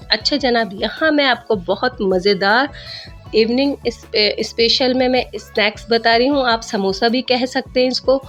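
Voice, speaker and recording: A woman narrating her cooking vlog in a chatty voice-over, explaining each step to viewers, her throat a little sore. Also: fairly high pitch. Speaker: cooking vlogger. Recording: dull lo-fi voice-over with soft music.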